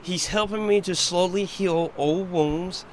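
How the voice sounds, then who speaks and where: A man's voice: high-pitched, a little slow. A man sharing his personal testimony, earnest, on a bench outdoors. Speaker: shelter guest sharing testimony. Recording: outdoor traffic noise.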